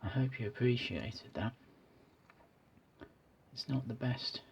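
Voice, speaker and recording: A man talking in a soft ASMR whisper as a YouTuber, signing off to his viewers. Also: mid-range voice, takes it slowly, vocal fry, slightly rough.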